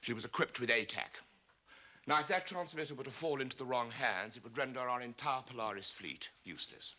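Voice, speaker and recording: An actor playing a grave senior British intelligence official, briefing an agent in a commanding manner in a film drama. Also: male voice, medium pitch, brisk, sharp tone.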